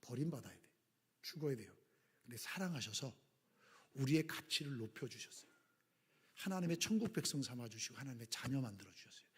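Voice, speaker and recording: A man preaching a sermon as pastor, impassioned, dropping to hushed whispers and rising to near-shouts. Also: mid-range voice, expressive, a little fast, long pauses, breathy edge. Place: church sanctuary.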